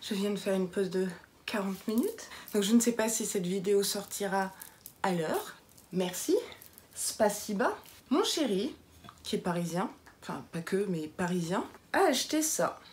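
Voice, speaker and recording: A woman's voice: medium pitch, moderate pace, slight background noise. A young woman from southwest France, with a light southwestern French accent, chatting playfully to camera as a vlogger. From southwest France (Béarn). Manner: chatty, playful, lively asides. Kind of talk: casual chat to camera.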